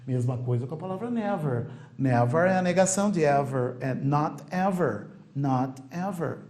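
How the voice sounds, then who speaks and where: A Brazilian man with Portuguese as his first language, teaching an online English grammar lesson in an emphatic way, repeating key words slowly and checking in often with quick questions. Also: fairly high pitch, animated, a little mellow.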